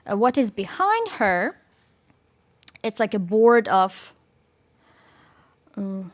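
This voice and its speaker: Ukrainian woman giving a slow, halting talk, keeps restarting and hunting for words. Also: medium pitch. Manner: hesitant, searching for words, many restarts. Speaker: guest speaker. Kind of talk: informal presentation with audience quiz.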